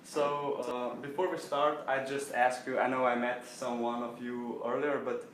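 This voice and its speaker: A man's voice: mid-range voice, little pitch movement, normal speed, slight background noise. Man lecturing. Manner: friendly, hesitant, many ums. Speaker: lecturer, attorney. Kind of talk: informal lecture. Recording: echoey room from far off.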